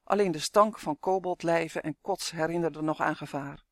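High-voiced man narrating a storybook. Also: moderate pace, no echo, studio quality. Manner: vivid, dramatic reading. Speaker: audiobook narrator.

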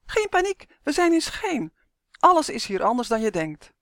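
Storybook duck-elf, male, cheeky, upbeat, raised pitch, woman performing, dry. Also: huge pitch swings, normal speed, fairly bright tone, no room sound, full character voice. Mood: cheerful. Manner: upbeat, teasing.

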